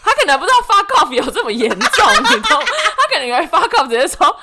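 A woman with a Taiwanese Mandarin accent, co-hosting a podcast and telling stories in a lively, laughing way. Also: very high-pitched, quick pace, very noisy. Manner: animated, laughs often while telling stories. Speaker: podcast co-host, former flight attendant. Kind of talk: casual storytelling chat.

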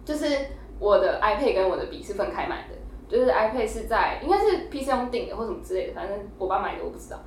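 A woman's voice: mid-range voice, sing-song, fast talker. A young woman hosting a casual podcast, telling a funny story animatedly with laughter and acted-out quotes. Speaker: podcast host. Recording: roomy echo, faint noise.

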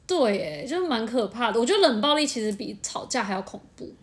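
Quick, bright-pitched Taiwanese woman. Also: expressive. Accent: Taiwanese Mandarin. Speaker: podcast co-host. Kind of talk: casual chat.

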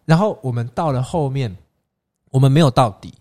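A man co-hosting a podcast, telling a story in casual chat, animated and acting out the quotes with bursts of laughter. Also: medium pitch, brisk. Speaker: podcast co-host.

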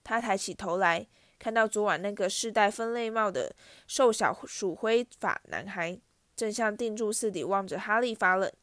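A woman narrating a storybook chapter aloud in a steady reading voice. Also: medium pitch, normal speed, no echo. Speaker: audiobook reader.

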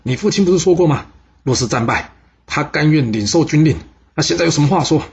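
A man's voice: medium pitch, a little fast, slightly rough, dull audio. A man voicing a furious ancient king who scolds and commands harshly. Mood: angry. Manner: shouting angrily, scolding.

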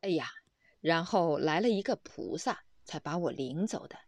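A young woman returned from death wails and protests, as a woman narrator puts her on. Her pitch swings widely from line to line. The sound is close and dry. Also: expressive, normal speed, no echo. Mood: tearful. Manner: wailing, indignant. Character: young woman brought back from death, emotional.

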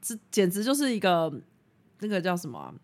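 A young woman chats through a casual podcast story. Her pitch swings up and down a lot, and she talks frankly, swears easily and laughs at her own mishaps. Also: brisk. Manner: animated, frank, swears freely, laughs at herself. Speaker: podcast host.

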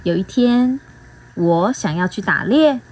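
A woman reading a picture book aloud to a child in a gentle, sing-song way, often asking little questions. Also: medium pitch, expressive, a little slow. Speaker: storyteller host.

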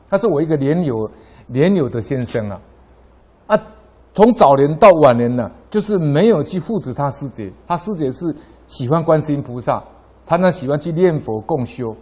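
A man's voice: on the high side, darkish tone. A middle-aged man from Taiwan, giving a Buddhist dharma talk full of anecdotes. His voice rises sharply when he tells a story. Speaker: lay Buddhist speaker.

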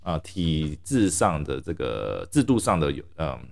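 A man from Taiwan chatting casually on a podcast in an animated way, slipping English phrases into his talk. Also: very deep voice, unhurried, creaky, slight background noise. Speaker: podcast co-host. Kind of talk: casual chat.

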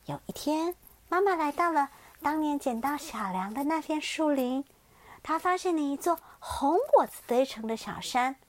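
A woman gently reading a bedtime story aloud as the storyteller, expressive and close to the mic. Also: high voice, moderate pace.

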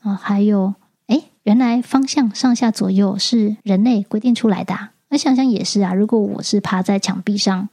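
A woman hosting a podcast, telling a personal story in a casual, animated way and stammering as she relives the scare. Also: medium pitch, moderate pace. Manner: animated, stammers and repeats words when retelling fright. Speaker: podcast host.

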